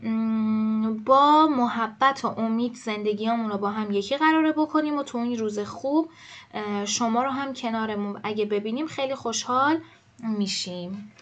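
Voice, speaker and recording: A woman teaching an online language lesson. She explains quickly and reads the example sentences slowly and clearly. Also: fairly high pitch, dull audio.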